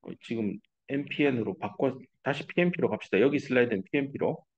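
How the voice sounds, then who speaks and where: 남자 교수의 강의, 탁한 녹음. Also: male voice, medium pitch, a little fast. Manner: explanatory, mixing English technical terms, casual asides. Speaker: university professor. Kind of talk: recorded lecture. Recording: dull lo-fi classroom recording.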